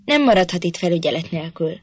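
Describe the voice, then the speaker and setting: A woman voicing a surly, gruff male farm master in a storybook reading, curt and blunt. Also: fairly low pitch, lively intonation, no echo.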